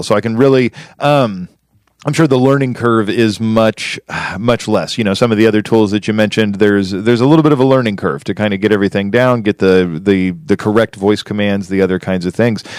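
A man's voice: fairly low pitch, moderate pace, a little mellow, dry recording, clean studio sound. A man hosting an interview podcast, talking with enthusiasm and often repeating words as he restarts. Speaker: podcast host.

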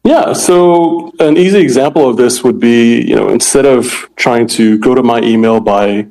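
A man's voice: medium pitch, normal speed, darkish tone, low-quality recording. Young male startup founder from Indonesia. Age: 20s. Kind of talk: interview answers.

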